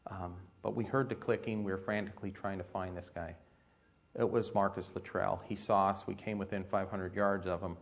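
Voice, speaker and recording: In a low, creaky voice, an American man who flies military aircraft gives a casual storytelling talk, his delivery halting, chatty, and packed with digressions.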